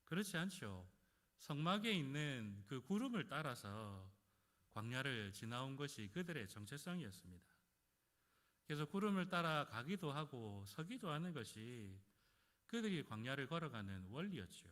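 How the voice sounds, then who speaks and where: A man preaching a sermon, addressing the congregation with rhetorical questions and dramatic swings in volume. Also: a bit bright. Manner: dramatic rises and drops in pitch and volume. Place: church sanctuary. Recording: church hall reverb.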